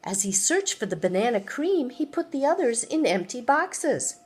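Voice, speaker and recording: An older woman, a sweet grandmother, reading a children's picture book aloud and gently engaging the young listener. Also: a little high, sing-song, normal speed, husky. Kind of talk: read-aloud children's storytelling.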